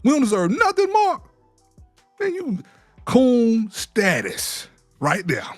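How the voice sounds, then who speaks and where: A man co-hosting a casual commentary show, talking in an animated, mocking, exasperated way. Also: very high voice, slow pace, dry recording, faint music behind. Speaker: co-host.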